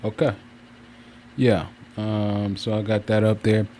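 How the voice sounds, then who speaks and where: With a fan humming clearly and steadily behind him, a man livestreams from a room at home, hosting his channel in casual chat. He takes it slowly in a lowish voice, rambling and often looping back over what he already said.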